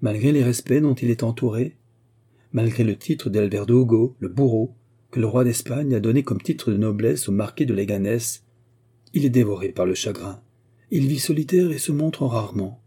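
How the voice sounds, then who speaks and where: A man narrating a classic novel as an audiobook, in a measured, deliberate reading style. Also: medium pitch, mellow, slightly rough.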